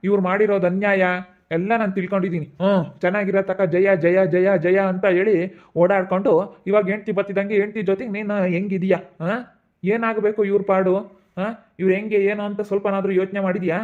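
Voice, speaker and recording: A man plays a stern uncle who lectures in a high, flat, rapid voice with a village Kannada accent. The recording is tinny and phone-like. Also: close to an everyday voice. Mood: lecturing. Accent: Kannada, Karnataka village dialect. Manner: lecturing, warning. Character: stern self-assured uncle issuing warnings.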